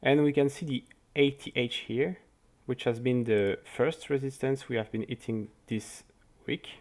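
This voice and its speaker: Man, French accent, non-native English, mid pitch, careful chart-walkthrough delivery with restarts. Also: steady tone, a little mellow. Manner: careful, halting speech with restarts. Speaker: crypto market analyst. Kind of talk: scripted market review over charts.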